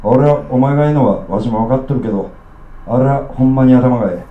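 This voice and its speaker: A gruff, boozy middle-aged uncle, as a man puts him on, rants at a child in thick Okayama dialect. His words come out blunt and rough. The sound is roomy and a little dull, like a lo-fi live recording. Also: medium pitch, fast, close to an everyday voice. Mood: rambling.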